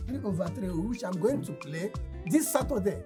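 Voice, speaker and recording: A man's voice: high voice, expressive, normal speed, over music. An actor playing a gambler with a Nigerian accent who boasts that his next bet will pay off. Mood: boastful.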